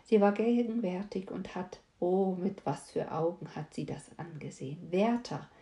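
A woman voicing a gentle, distressed young noblewoman who speaks earnestly through tears. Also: fairly low pitch, moderate pace, lightly acted. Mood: tearful pleading. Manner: earnest, pleading, tearful tone. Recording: echoey room.

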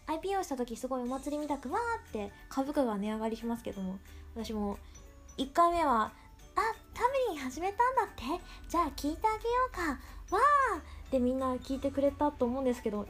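A woman podcast host with a cute, girlish anime-style voice, talking casually and rambling in a playful, self-deprecating way. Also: a little high. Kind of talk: casual solo podcast talk.

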